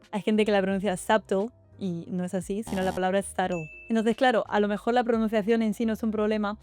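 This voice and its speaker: A mid-range, darkish female voice belongs to a young YouTuber from Spain, speaking with a Spanish accent as she shares study-abroad and exam advice. She's chatty and cheerful, dropping quick asides to the viewer over faint music.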